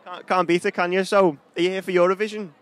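A man's voice: high-pitched, little pitch movement, fairly bright tone. A cheerful young man, interviewing passers-by outdoors with a handheld mic. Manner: cheery, quick questions, laughs often. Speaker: street interviewer. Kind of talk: vox pop street interviews. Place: outdoor plaza by an arena, busy street.

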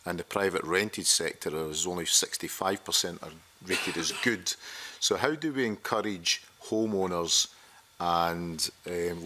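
A man with a low, bright voice asks a measured question in committee, reading through statistics. A faint room hum sits underneath. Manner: measured, reads figures. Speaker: committee member. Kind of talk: parliamentary questioning.

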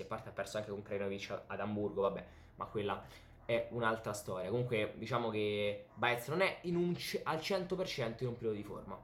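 A young man with an Italian accent giving an excited, emphatic, casual sports recap to camera in a home room. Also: medium pitch, a little hiss or hum. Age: young adult. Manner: excited, animated, emphatic with repeated words. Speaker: YouTube tennis commentator and host. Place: small home bedroom, indoors. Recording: roomy, echoey home room.

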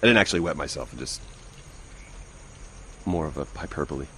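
A man's voice: rumbling low, lively intonation, brisk, sharp tone, a little hiss or hum, heavily acted. An actor playing a panicky, awkward, self-deprecating young man in a video game, stammering and rambling. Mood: sheepish.

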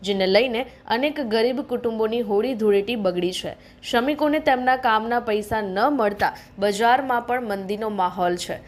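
A woman with a Gujarati accent reading a regional news bulletin in a formal, even newsreader style. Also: medium pitch. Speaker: news reader.

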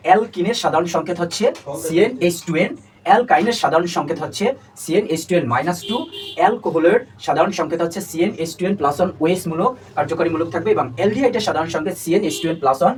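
Male chemistry tutor, rapid classroom delivery, repeats terms drill-style, slightly distant mic. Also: a little high, a little mellow. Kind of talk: classroom lecture. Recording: distant mic with faint background noise.

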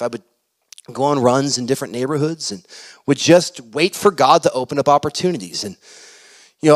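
A male pastor preaching a sermon, telling stories in an animated way that swings between loud and hushed. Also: medium pitch. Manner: animated, shifting loud and soft. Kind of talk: storytelling sermon.

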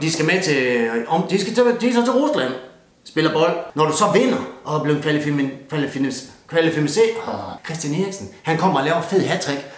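A man's voice: a little high, roomy sound. A young man with a Jutlandic Danish accent ranting crudely and bluntly through a mock New Year's speech, cursing constantly and raising his beer. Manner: swears constantly, blunt and rowdy, toasts with a beer. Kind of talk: crude comic rant.

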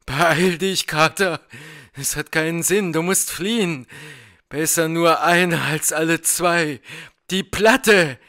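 A man voicing a desperate man trapped below ground, pleading frantically, then sinking to a weak hush. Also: on the high side, slow pace, pitched above the performer's own voice.

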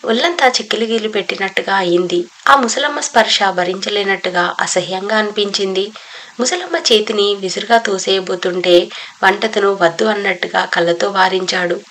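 A woman narrating a novel as an audiobook, with steady, even storytelling. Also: mid-range voice, moderate pace, low-quality recording.

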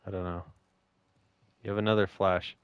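A young man chatting casually over a game in a slangy, excitable frat-bro manner. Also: low-pitched, normal speed, clear, resonant tone, dry recording. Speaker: gamer playing with a friend. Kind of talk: casual gameplay chat.

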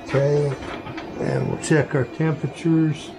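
Slow-talking man demonstrating in a workshop. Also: on the high side, little pitch movement, creaky, background noise. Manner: slow, plain step-by-step explaining while working. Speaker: maker running a 3D print farm. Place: workshop full of 3D printers.

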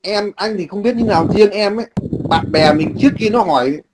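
A man's voice: sits high, fairly quick, background noise. A man from Vietnam speaking earnestly in casual chat, repeating and restarting his words. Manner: earnest, repetitive, many restarts. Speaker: emigrant father. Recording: crowd chatter behind.

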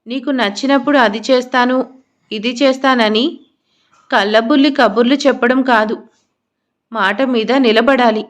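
A woman's voice: fairly high pitch, close to an everyday voice. A woman voicing an arrogant young wife who talks back sharply and scornfully.

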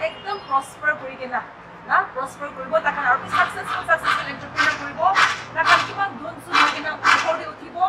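A middle-aged woman giving an earnest, prayerful blessing as she opens a store outdoors. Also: high voice. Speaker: guest inaugurating a store. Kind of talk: speech with a blessing at an inauguration. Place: outdoors at a shop opening with a crowd. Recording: echoey, distant, loud ambient noise.

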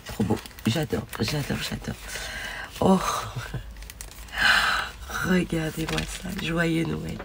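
Woman, crafting vlogger, casual mail-opening chat, gravelly edge, effusive, half-whispered asides. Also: sits low, lively intonation, takes it slowly, long pauses, heavy background noise. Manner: gushing, often drops to a soft whisper. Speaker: scrapbooking vlogger.

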